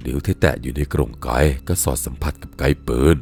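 A man with an extremely low, deep voice reads a first-person ghost story in a measured, solemn way. Faint music plays softly behind his telling. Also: steady tone, creaky.

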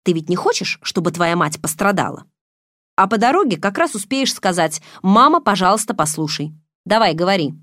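A woman reading the lines of a smooth, menacing man on the phone, calm and mocking. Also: mid-range voice, moderate pace, dry recording, clean studio sound.

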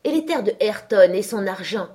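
A woman's voice: medium pitch, animated, moderate pace, warm tone, husky. A woman reading an audiobook, voicing a defiant young woman who throws bold, taunting retorts.

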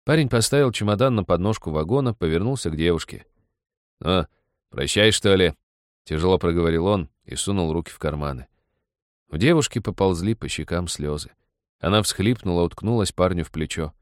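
A man narrating a literary short story in a measured, calm reading. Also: low voice, no echo, studio quality.

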